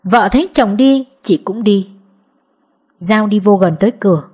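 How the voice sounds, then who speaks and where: A woman narrating an audiobook in a steady storytelling manner. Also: medium pitch, a little slow, husky.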